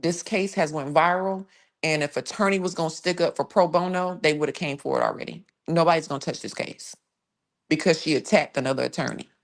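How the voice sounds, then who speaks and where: Woman, low voice, true crime live-stream host: blunt, emphatic, chatty, talks straight to her viewers. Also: fairly quick. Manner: blunt, emphatic, conversational with sighs and restarts; reads viewer comments and thanks viewers while talking. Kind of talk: casual live-stream case commentary.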